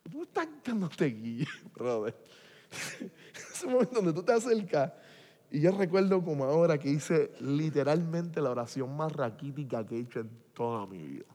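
A man preaching a testimony, telling his story animatedly and swinging from hushed to loud. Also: fairly high pitch, moderate pace. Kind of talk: sermon testimony. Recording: long hall reverb.

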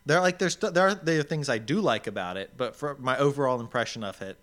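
A man's voice: medium pitch, animated, fast talker, fairly bright tone. A man co-hosting a podcast in casual chat, informal and thinking aloud as he goes. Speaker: podcast co-host.

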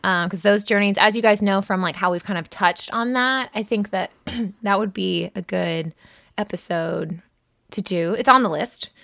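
A woman's voice: medium pitch, moderate pace, creaky, fairly bright tone, no room sound. A young woman co-hosting a podcast, chatting casually in a rambling way and laughing often. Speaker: podcast co-host. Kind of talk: casual chat.

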